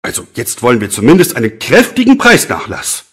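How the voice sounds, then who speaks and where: A man playing a brisk, excitable office boss with emphatic, theatrical delivery in a scripted lesson dialogue. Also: medium pitch, husky, full character voice. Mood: indignant.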